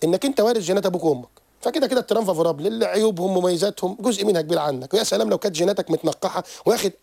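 A man, a therapist guest on a radio show who lectures quickly and keeps restarting his sentences. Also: high-pitched, vocal fry, no echo. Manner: animated, rapid lecturing with frequent restarts. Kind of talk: radio interview explanation. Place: radio studio.

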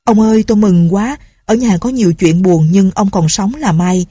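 A woman's voice: medium pitch, moderate pace, breathy edge, no room sound, clean studio sound, lightly acted. A woman reading a story aloud, voicing an anxious, loyal old male servant. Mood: relieved. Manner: anxious, soft-spoken.

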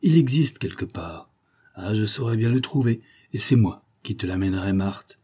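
A man reading the part of an elderly man, a gentle and anxious father, in an earnest, pleading way. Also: on the low side, lively intonation, moderate pace, husky. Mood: earnest, impassioned.

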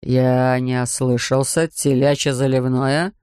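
A man voicing a pompous older male surgeon, gruff and sarcastic. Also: mid-range voice, level tone, unhurried, a little mellow, no echo, clean studio sound, pitched below the performer's own voice, close to an everyday voice.

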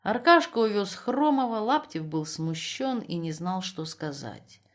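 A woman reading a novel aloud as an audiobook narrator, measured and expressive. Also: medium pitch.

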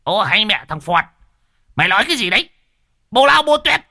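Indignant flashy man as a narrator puts him on, high and shrill. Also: big pitch swings, brisk, gravelly, sharp tone, full character voice.

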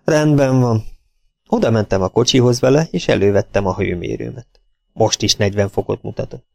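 A man's voice: fairly low pitch, creaky. A man reading a first-person story aloud as an audiobook narrator.

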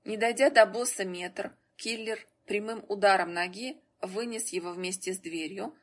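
A woman reading an action story aloud as narrator, in steady scripted narration. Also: medium pitch, normal speed.

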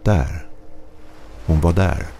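A man's voice: low-pitched, dark tone, a little hiss or hum. A man narrating a first-person horror story in short, tense, clipped phrases.

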